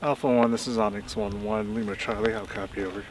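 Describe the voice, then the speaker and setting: Brief: male squad leader heard through a walkie-talkie, fast terse radio call, far off with faint outdoor noise. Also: lowish voice, fairly even intonation. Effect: heard over a walkie-talkie.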